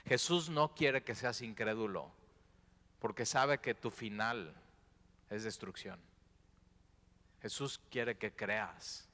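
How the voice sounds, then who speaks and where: Impassioned pastor preaching in a reverberant church. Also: male voice, lowish voice, takes it slowly, pauses often. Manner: impassioned, swings from hushed prayer to loud exclamations. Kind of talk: sermon. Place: church sanctuary. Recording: church hall with long reverb.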